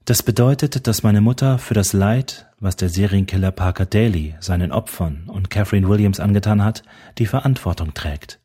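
A man's voice: on the low side, normal speed, hardly any pauses, warm tone, breathy edge. A man reading an audiobook who voices a cheeky, brash young woman with mocking sass. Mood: sad. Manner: mocking, gum-chewing sass. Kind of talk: audiobook character voice.

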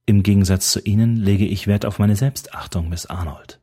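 A man reading an audiobook who voices a weary older journalist, calm and dry in manner. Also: lowish voice, moderate pace, slightly rough. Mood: cutting. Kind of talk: audiobook character voice.

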